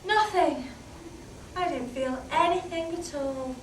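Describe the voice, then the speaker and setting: A British woman playing a chatty, candid middle-aged housewife in a solo comic monologue, swinging from hushed asides to loud outbursts. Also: high voice, takes it slowly. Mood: wry. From Britain. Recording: roomy, distant mic, faint background noise.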